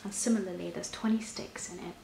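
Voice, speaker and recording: A woman in a whispered role-play as a personal shopper, soft-spoken and often breathy, explaining things gently and a little hesitantly. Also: lowish voice, fairly even intonation, brisk. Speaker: ASMR performer playing a personal shopper. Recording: roomy echo, clear background noise.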